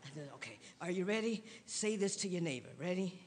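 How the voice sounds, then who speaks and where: A man preaching a sermon, building from slow, quiet telling to drawn-out shouted emphasis. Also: high voice, animated. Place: large church hall. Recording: long reverb in a large hall.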